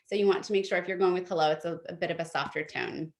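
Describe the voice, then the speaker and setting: A woman's voice: lowish voice, quick pace, gravelly. A young woman presenting an online etiquette workshop from her home office, friendly and practical, with plenty of fillers.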